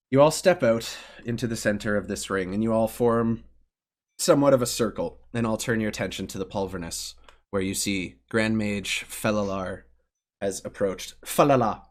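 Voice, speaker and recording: A man's voice: lowish voice, normal speed, pauses often. A young man running a tabletop game on a live stream, casual with many fillers. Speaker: game master.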